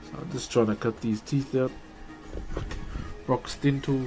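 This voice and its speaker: A man's voice: mid-range voice, steady tone, unhurried, dark tone, faint music behind. A man with a broad New Zealand accent chats casually on a livestream as he works, in a laid-back, slangy, matey way. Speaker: livestream host. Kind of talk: casual livestream chat while working.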